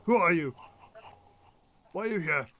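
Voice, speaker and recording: A man voicing a gruff, suspicious male dwarf guard who barks demanding questions. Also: sits high, animated, measured pace, crowd noise.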